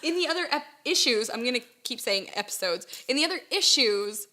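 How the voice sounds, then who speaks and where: A young woman co-hosting a casual comics chat, animated and giggly, often trailing off mid-thought. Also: fairly high pitch, brisk. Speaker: podcast co-host.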